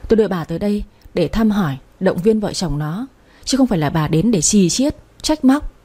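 A woman voicing a calm, gentle older father-in-law in a story. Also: medium pitch, a little fast, husky. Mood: reproving.

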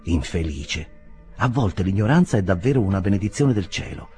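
A man reading a classic novel aloud as an audiobook, with expressive storytelling. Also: low-pitched, normal speed, faint music behind. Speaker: audiobook reader. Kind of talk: audiobook narration.

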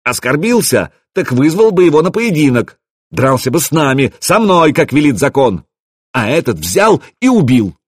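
Audiobook villain-type: a man putting on a raging Viking warrior, shrill yelling, husky. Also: animated, moderate pace, no room sound, clean studio sound. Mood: furious shouting. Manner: shouting, hysterical.

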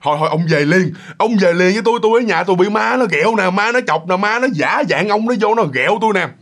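An exasperated middle-aged wife nags her drunk husband in a shrill, raised voice, as a man puts her on. She speaks with a Southern Vietnamese accent and keeps repeating herself as she scolds. The story is told aloud by a narrator. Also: expressive, fast, a bit bright, exaggerated voice. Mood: urgent.

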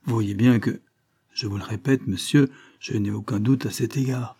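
A polite, uneasy Parisian gentleman, voiced by a male reader in a storybook reading, a bit lower and quieter than the narration. His dark, husky tone is reserved and measured. He answers with careful courtesy. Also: fairly even intonation.

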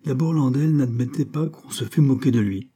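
A man reading a novel aloud as an audiobook narrator, in a measured, even delivery. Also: medium pitch, slightly rough. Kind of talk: scripted narration.

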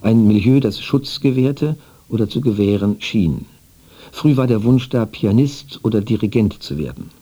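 A man reads a scripted radio documentary in a formal, even, literary manner. His voice sits low and sounds dark and slightly husky. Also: normal speed. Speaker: narrator. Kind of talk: scripted radio feature narration.

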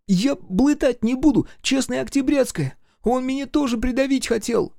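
A man's voice: very high-pitched, moderate pace, creaky, warm tone, no echo, clean studio sound, pitched above the performer's own voice. A man voicing an eager, whining little peasant boy in an audiobook. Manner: whining, eager, rural dialect. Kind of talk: audiobook character voice.

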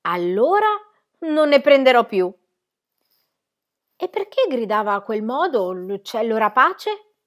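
High-pitched little girl, as a woman reads her, lively and curious, bursting with questions, voice leaping up and down, storybook reading. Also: slow pace, long pauses. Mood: eager. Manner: excited, full of questions.

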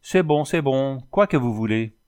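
A man's voice: medium pitch, lively intonation, normal speed, a little mellow, clean tone, pitched above the performer's own voice, close to an everyday voice. A man doing a curt, sleepy village gendarme. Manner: curt, calling out from above.

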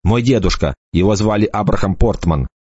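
A man's voice: on the low side, lively intonation, moderate pace, a little mellow, husky, dry recording. A male narrator voicing a scared young man who stammers and pleads while held at knifepoint, in a dull, dry recording. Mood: stammering, pleading.

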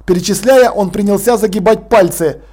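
Brief: high-pitched man, plain audiobook narration. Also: normal speed, a little mellow.

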